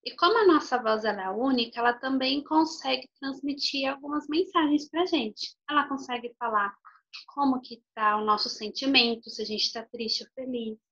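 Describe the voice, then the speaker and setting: A woman's voice: high voice, normal speed, a bit bright. Woman speech therapist on a video call, explanatory and chatty, slightly muffled lo-fi sound. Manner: explanatory, uses frequent "tá bom?" check-ins. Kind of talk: informal health talk.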